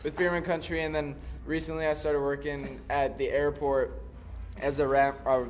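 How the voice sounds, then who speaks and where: A man's voice: fairly high pitch, normal speed. A young man, a skateboarder, telling rambling stories in casual chat at a busy skate event. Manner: animated, rambling storyteller. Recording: crowd noise behind. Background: crowd chatter.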